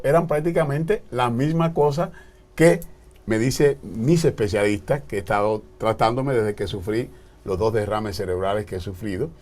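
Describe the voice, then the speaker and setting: A man from the Dominican Republic with a Dominican accent, hosting a TV talk show and growing emphatic as he tells stories. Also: medium pitch. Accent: Dominican Spanish. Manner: expressive, grows emphatic telling stories.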